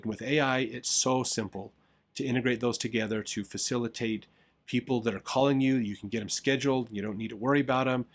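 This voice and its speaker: Male host, mid-pitch, easygoing explainer with "uh"s and restarts. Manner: conversational, with fillers and repeated "literally". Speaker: host recommending business tools. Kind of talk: casual explanatory talk.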